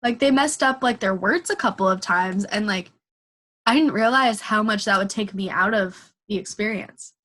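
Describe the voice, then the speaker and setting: A woman's voice: medium pitch, normal speed, sharp tone. A young woman chatting casually about dance training, rambling and full of "like" and "um". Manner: rambling, heavy use of "like". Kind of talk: casual chat.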